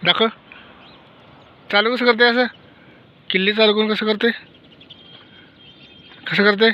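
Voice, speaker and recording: A woman's voice: mid-range voice, fairly even intonation, a little slow. A woman, chatting in a family vlog and coaxing a child with repeated questions. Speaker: vlogger interviewing a child. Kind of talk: casual family vlog chat. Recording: dull lo-fi phone audio.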